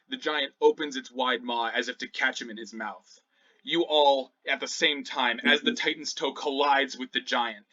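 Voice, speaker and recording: A man's voice: on the high side, sharp tone. A man running a tabletop game as dungeon master, narrating vividly with sound effects. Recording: dull lo-fi sound.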